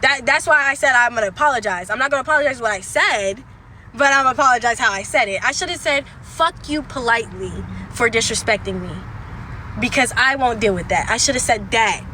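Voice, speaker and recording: A woman's voice: on the high side, quick pace, pushed and bright, a little hiss or hum. A young adult woman ranting on a livestream from a car, blunt and profane, circling back over the same points. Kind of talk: livestream rant. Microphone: phone.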